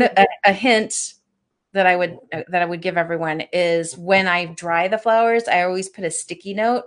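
Woman host, casual and reflective, animated storyteller. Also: on the low side. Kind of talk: casual chat.

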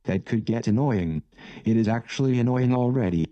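A man speaking through a metallic robot voice filter as a booming robotic announcer, opening his podcast in a stiff, announcing manner. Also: normal speed, mellow, dry recording, muffled recording. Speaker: podcast host. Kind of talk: scripted podcast intro.

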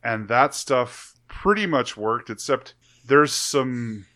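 A man's voice: mid-range voice, lively intonation, slow pace, pushed and bright. A man co-hosting a podcast, talking through a movie in a rambling way with many "like" fillers. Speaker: podcast co-host. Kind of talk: casual review chat.

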